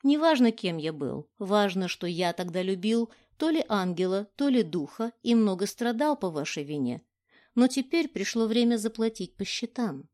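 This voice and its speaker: A scheming male villain taunts his enemies in a sneering, mocking voice, as a woman reads him in an audiobook. The tone is mellow and warm, and the pitch sits in a middle range. He sounds manipulative and sure of himself. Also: expressive, normal speed, close to an everyday voice. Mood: taunting. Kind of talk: audiobook reading.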